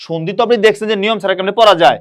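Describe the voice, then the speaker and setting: Male teacher, fairly high voice, drills words by repetition, exam-prep lesson. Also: smooth. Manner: repeats words aloud slowly for students to echo. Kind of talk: online admission-prep grammar lesson.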